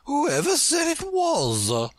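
An imperious storybook queen, pitched extremely high and swooping through her words. She is contrary and pompous, scolding with heavy emphasis. The voice has a dry, close sound. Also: huge pitch swings, slow pace, no echo, exaggerated voice. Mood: stern. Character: imperious, contrary Red Queen, a chess-piece woman.

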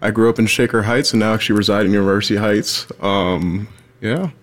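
A man's voice: on the low side, steady tone, fairly quick. Easygoing young man, brief answers. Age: young adult. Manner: brief, easygoing, laughs often. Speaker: panelist. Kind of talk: casual discussion.

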